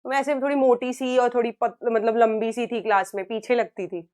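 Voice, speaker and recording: Earnest high-voiced woman teacher. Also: fairly even intonation, normal speed, a little mellow. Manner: earnest, coaxing, mixes Hindi and English. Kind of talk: classroom lecture.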